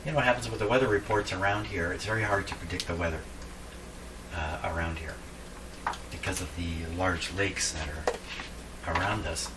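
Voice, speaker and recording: With a low voice, steady tone and normal speed, a man pauses often as he talks through a repair in a casual, hands-on way. Musing, he asks himself questions as he works; he's a radio repair hobbyist and video host. The workshop background is clearly noisy.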